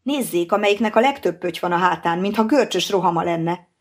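A woman's voice: fairly low pitch, breathy edge. A woman voicing an uneasy, watchful man in an audiobook, pointing things out nervously.

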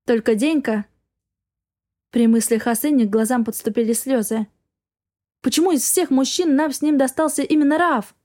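A woman's voice: fairly high pitch, a little mellow. A woman reading a first-person audiobook with dramatic, emotional narration.

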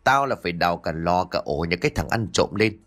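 A man voicing a sharp-tongued village mother-in-law who curses in long shrill tirades. Each line carries her sharp, scolding bite. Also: expressive, a little fast. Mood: cursing.

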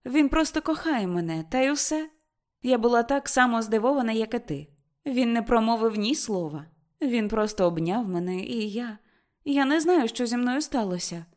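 A woman voicing a young woman in love, speaking in an excited, trembling, pleading way. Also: on the high side, moderate pace, pitched above the performer's own voice, close to an everyday voice.

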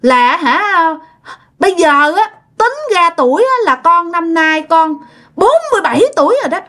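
A woman's voice: extremely high pitch, expressive, moderate pace, a bit bright, voice pushed up. A woman voicing a sulky, sobbing toddler spirit speaking through a medium, whiny and childlike. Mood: pleading.

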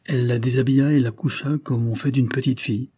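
A man narrating a novel as an audiobook in a measured, expressive way. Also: medium pitch, breathy edge, no room sound, studio quality. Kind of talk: literary audiobook reading.

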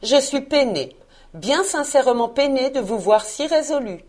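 A woman voicing a cheerful, earnest young man who pleads warmly and eagerly. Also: medium pitch, big pitch swings, a little slow. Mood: pleading.

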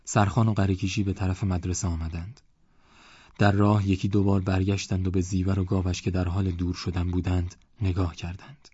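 A man narrating an audiobook novel in a steady, even storytelling manner. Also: low voice, slightly rough, no room sound. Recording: dull dry lo-fi recording.

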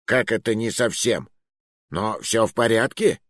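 A man voicing a fat, jittery male schemer who turns shrill and hysterical when frightened. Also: lively intonation, unhurried, no room sound. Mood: nervous whisper.

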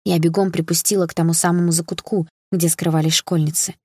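A woman narrating an audiobook in the first person, calm and steady. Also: lowish voice, fast, slightly rough, no echo, studio quality.

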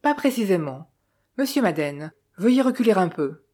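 A woman reading the part of a calm, polite male detective with formal, measured speech. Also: medium pitch. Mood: courteous.

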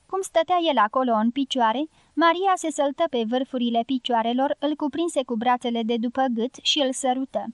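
A woman narrates a novel aloud in a steady, measured manner. Her voice is high and the recording is close and dry, with no room around it. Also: no echo. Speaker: audiobook narrator. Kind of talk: literary audiobook narration.

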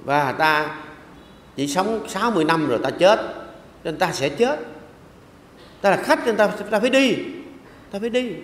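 An older man, a Buddhist monk, preaches to his congregation in a fairly high, animated voice, often checking in with the listeners. He drops from raised calls to soft, low asides. The sound is roomy with a long hall reverb, and he drifts away from the mic at times. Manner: conversational, repeats "Đúng không?" to the audience. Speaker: Buddhist monk giving a dharma talk. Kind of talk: sermon to a live congregation.

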